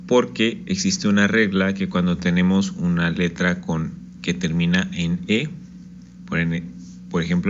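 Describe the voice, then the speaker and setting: A man's voice: low voice, lo-fi sound, a little hiss or hum. A man teaching an online Japanese lesson, patiently explaining step by step and often checking in with "ok?".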